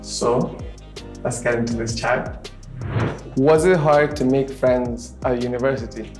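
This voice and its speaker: A man in his twenties hosting a relaxed group chat, talking in halting bursts full of restarts and fillers. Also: medium pitch, faint music behind. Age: 20s. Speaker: host. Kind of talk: casual chat.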